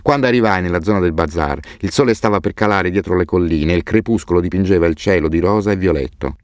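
A man narrates an audiobook in a very deep, low voice, telling the story in an expressive, measured way. The recording is dry and close, with no room sound. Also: no room sound. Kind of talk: scripted narration.

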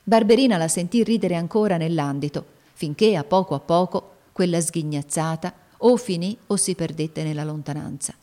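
Low-voiced woman narrating a novel. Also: moderate pace, hardly any pauses, mellow. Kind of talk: audiobook reading.

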